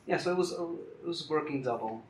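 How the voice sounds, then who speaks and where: A middle-aged man from Puerto Rico, a salsa singer, talking about his life in a relaxed, reflective interview. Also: on the high side, a little fast, roomy sound, slight background noise, low-quality recording. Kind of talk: casual interview. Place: outdoors in the city.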